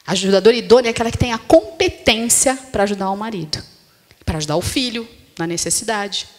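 A Brazilian woman pastor preaching to her congregation at a middling pitch, in a plain and conversational tone. She keeps asking the room short tag questions. Her voice carries a long church-hall reverb. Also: lively intonation, fast talker. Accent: Brazilian Portuguese. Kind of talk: sermon.

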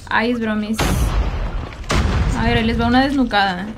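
A young Mexican woman livestreaming a game, talking to her chat in quick, slangy Spanish-flavored banter and teasing the viewers she greets. Her voice sits high. A faint hiss of noise runs underneath. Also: steady tone. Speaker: streamer. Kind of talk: casual gaming livestream chat.

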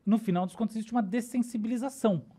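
A woman's voice: a little high, very fast, mellow, husky. A woman with a Brazilian Portuguese accent, a neuroscientist guest on a podcast, explaining ideas in casual talk and often checking in with "tá?" and "né?".

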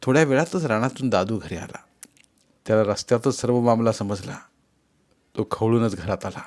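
A man narrating a novel in an audiobook with a steady, measured reading. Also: on the low side.

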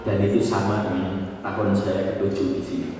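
Forties guy telling a story, thinking out loud, distant mic, big echoey church hall. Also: sits low, flat delivery, normal speed, music in the background. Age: 40s. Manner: reflective, storytelling, working through numbers aloud. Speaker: priest. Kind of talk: informal birthday speech. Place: large church hall with tiled floor. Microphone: handheld microphone, filmed from far.

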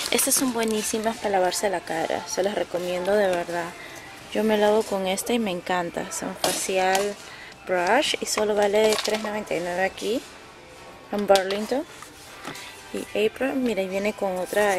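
A woman's voice: mid-range voice, measured pace, music in the background. A woman with a Peruvian accent, chatting through a casual shopping vlog and gushing over bargains. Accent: Peruvian Spanish. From Peru. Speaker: vlogger. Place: indoor discount store.

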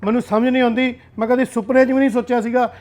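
A man's voice: very high voice, level tone, very fast, a little mellow. A man with a Punjabi accent playing an angry grown son, talking in a heated, agitated rush about being cheated by his brother. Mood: furious. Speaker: actor in a family web drama.

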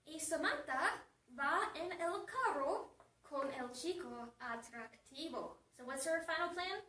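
Woman teacher reading a class story, slow and clear, distant mic in an echoey room. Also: high-pitched, animated, pushed and bright. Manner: slow, deliberate, explaining. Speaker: Spanish teacher. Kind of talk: slow storytelling lesson with English explanations.

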